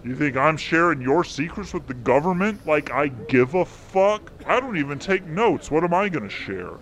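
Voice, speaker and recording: A man voices a contemptuous male doctor speaking through a disguised, lowered voice. His tone keeps swooping up and down as he brushes people off with crude, profane disdain. It plays as a comedic spoof ad. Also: animated, moderate pace, a bit bright, a little hiss or hum, low-quality recording. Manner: rude, callous, profane. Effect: disguised voice, pitched down. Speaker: fake doctor in a parody ad.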